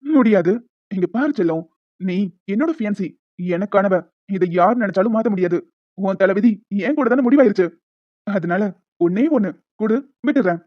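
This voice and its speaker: A woman's voice: medium pitch, lively intonation, moderate pace, dry recording, close to an everyday voice. A woman voicing a smug, scheming young man who taunts and teases in a cartoon. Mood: taunting. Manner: taunting, teasing. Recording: dull lo-fi with music behind.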